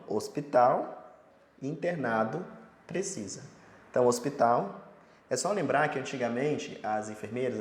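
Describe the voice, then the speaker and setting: A man teaching sign language in a casual lesson, explaining patiently with everyday examples and slowly repeating each sign word, with a Brazilian Portuguese accent. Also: mid-range voice, darkish tone. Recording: roomy echo with long reverb.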